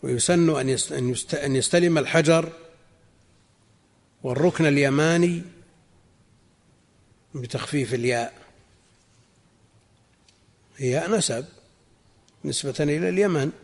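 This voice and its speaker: A male scholar explains a religious text, slow and deliberate, and repeats phrases so they sink in. His voice is a little high and gravelly. The archival lecture recording carries a long, hall-like reverb. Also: darkish tone. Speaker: Islamic scholar teaching a text.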